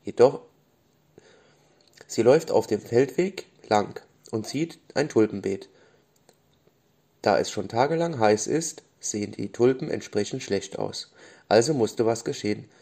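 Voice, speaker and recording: Gravelly man reading bedtime stories. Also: fairly low pitch, measured pace, long pauses. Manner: gentle, with small restarts. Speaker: storyteller. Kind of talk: children's bedtime story reading.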